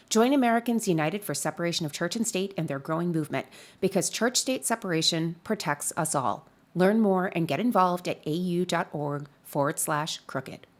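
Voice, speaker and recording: A woman's voice: fairly low pitch, fairly bright tone. A woman podcast co-host reading a sponsor ad with upbeat, emphatic delivery on a close studio mic. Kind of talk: host-read ad.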